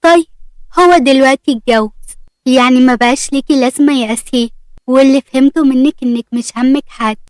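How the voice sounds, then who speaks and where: A protective middle-aged mother who scolds in a stern, reproachful way with an Egyptian accent, voiced by a woman storyteller. The voice sits high and the recording is dry. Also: fast talker, no room sound, natural voice.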